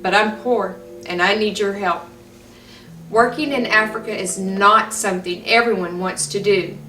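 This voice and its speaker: Earnest woman telling her story slow and steady, echoey room, music playing underneath. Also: medium pitch. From Tanzania. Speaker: volunteer EMT making a fundraising appeal. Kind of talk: personal storytelling appeal. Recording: roomy, distant mic, music behind.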